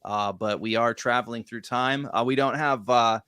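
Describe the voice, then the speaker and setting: A man's voice: mid-range voice, moderate pace, sharp tone, clean tone, no room sound, studio quality. A man co-hosting a casual podcast, rambling and sarcastic, with lots of "uh" and "like". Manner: rambling, sarcastic, many fillers. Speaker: podcast co-host. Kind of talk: casual chat.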